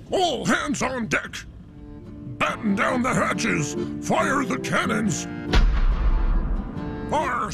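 Man playing a gravelly pirate captain, hammy and boastful, slow drawl, music underneath. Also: very high voice, full character voice. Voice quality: gravelly, growling "arr". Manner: hammy and boastful, barks orders. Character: gruff swashbuckling male pirate captain.

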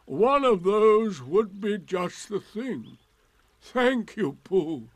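Gloomy Eeyore, slow and loftily indignant. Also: male voice, high-pitched, animated, dry recording, voice pushed up. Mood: sardonic, aggrieved. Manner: drawn-out, emphatic, sardonic delivery. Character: gloomy, sarcastic male donkey, slow and indignant.

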